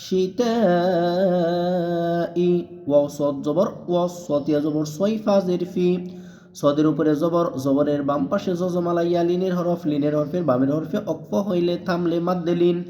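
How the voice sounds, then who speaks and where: A man teaching Quran reading, spelling out letters syllable by syllable and chanting the verses in a drawn-out melodic style. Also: on the high side, steady tone, dark tone, roomy sound, long reverb tail.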